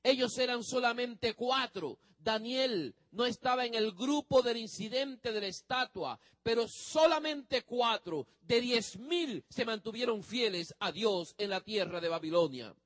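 Male pastor, sermon, high-pitched voice, dry close sound, emphatic, drawn-out phrase endings. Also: a bit bright, no echo. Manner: emphatic preaching, addresses the congregation directly.

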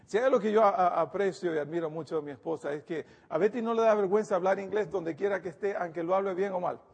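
Un hombre de voz aguda predica un sermón ante su congregación, con tono sincero y cercano. Repite palabras y retoma las frases al hablar. El eco largo de una sala grande envuelve su voz. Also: male voice, high voice, fast, vocal fry, breathy edge, long reverb tail. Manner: earnest, repeats words and restarts, addresses the congregation directly. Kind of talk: sermon.

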